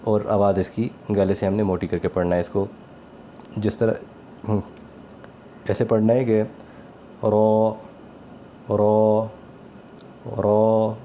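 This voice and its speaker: Male recitation teacher, low even voice, calm and patient, drills letters slowly with faint hiss behind. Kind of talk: slow spoken lesson on letter pronunciation.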